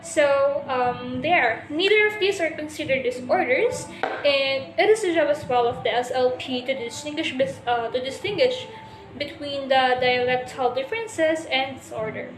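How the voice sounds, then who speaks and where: High-voiced woman presenting in an echoey room. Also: moderate pace, faint music behind. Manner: explanatory, with many hesitations and restarts. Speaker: student presenter. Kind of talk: class presentation.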